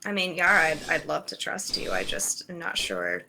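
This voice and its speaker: A woman's voice: low voice, very animated, normal speed, gravelly, sharp tone, slight background noise, exaggerated voice. A woman voicing a wary young heroine who questions her captor in a guarded way during a tabletop role-play.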